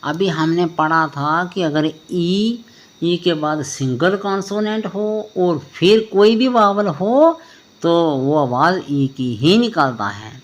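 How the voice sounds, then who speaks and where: A man teaching a pronunciation lesson, spelling words out letter by letter and often checking whether it is clear. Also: on the high side, lively intonation, slow pace. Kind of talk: spoken classroom lesson.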